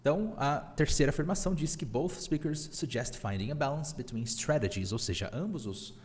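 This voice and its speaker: This man, an English teacher and podcast host with a Brazilian Portuguese accent, leads a live online lesson in a cheerful, instructive way, slipping English phrases into what he explains. He speaks fairly quickly in a slightly high, expressive voice, and the sound has a big-room feel.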